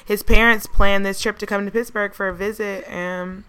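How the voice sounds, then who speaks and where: An American woman co-hosting a casual podcast, telling stories in a candid, slangy way, her voice hoarse with a smoker's rasp. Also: medium pitch, fairly even intonation, normal speed, sharp tone. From United States. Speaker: podcast co-host. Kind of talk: casual chat and storytelling.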